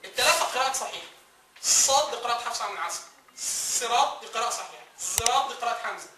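In this classroom lecture, a man with an Egyptian Arabic accent talks rapid-fire at an extremely high pitch with lively intonation, posing questions to students and answering them on his own. Background noise is present, and the echoey room was recorded from a distance.

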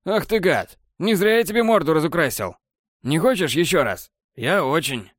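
A man's voice: a little high, dry recording, studio quality, pitched above the performer's own voice. Man doing a raised-voice wary stalker. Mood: placating. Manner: calm, placating, measured. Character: steady, wary male stalker leader.

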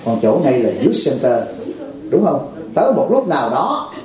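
Echoey, folksy male monk preaching. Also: moderate pace. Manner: folksy, asks the crowd "phải không?" often; acts out dialogues with lively pitch jumps. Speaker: monk teaching a retreat. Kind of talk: dharma talk to a temple audience. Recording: very echoey hall.

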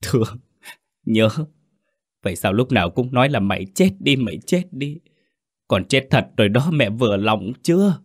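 A man's voice: on the low side, lively intonation, normal speed. A man voicing the sulky, grieving ghost of a young girl in a spoken ghost story, with a sobbing, reproachful delivery. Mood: aggrieved. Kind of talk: storytelling narration.

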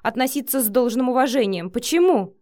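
A woman's voice: fairly high pitch, animated, fairly quick, darkish tone, no room sound, voice pushed up, lightly acted. A defiant young woman, voiced by a woman narrator. She speaks with pointed indignation, hurt underneath. The audiobook recording is close and dry. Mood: indignant.

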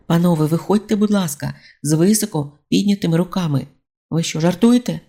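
A courteous young male watch captain, as an audiobook reader puts him on, steady and earnest with a mellow, warm tone. He keeps an unshaken politeness under pressure. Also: medium pitch, brisk, lightly acted. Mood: calm, polite. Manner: calm and courteous. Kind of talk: audiobook character reading.

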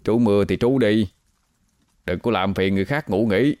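A man's voice: fairly low pitch, moderate pace, darkish tone, clear, resonant tone, no room sound, studio quality, close to an everyday voice. A man voicing an irritable young man who grumbles under his breath. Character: grumpy young man woken in a hut.

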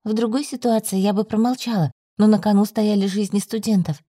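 A woman narrating an audiobook in the first person, with a soft, tense reading. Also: mid-range voice, fairly even intonation, a little fast, dry recording, studio quality.

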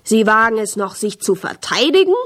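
A woman's voice: mid-range voice, very animated, normal speed. A woman voicing a furious, bellowing fat male vice-president in a radio play, speaking with contempt. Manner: shouting, contemptuous.

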